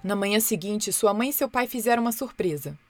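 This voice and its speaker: A woman narrating a children's storybook with expressive, lively delivery. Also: mid-range voice, brisk, no echo, soft background music.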